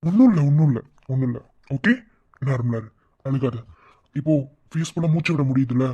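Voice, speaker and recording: Husky young son-in-law, voiced by a man, calm, reassuring, firm in a cartoon. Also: medium pitch, a little fast, muffled recording. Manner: soothing and reassuring, turns firm and commanding. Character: young son-in-law, calm and protective, stern when needed. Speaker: son-in-law comforting the family.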